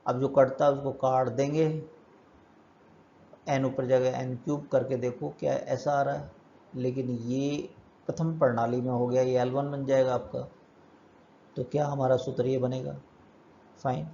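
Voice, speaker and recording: Gravelly-voiced man teaching physics. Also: medium pitch, little pitch movement, a little slow, long pauses, dark tone, highs cut off, slight background noise. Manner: explains step by step, asks and answers his own questions. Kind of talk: classroom lecture.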